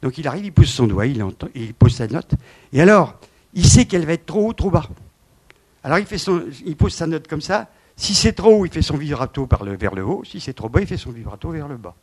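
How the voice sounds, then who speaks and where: A man in his seventies giving a lively lecture with slides, swinging from loud emphasis to quiet asides. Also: fairly high pitch, a little fast, slightly rough. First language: French. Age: 70s.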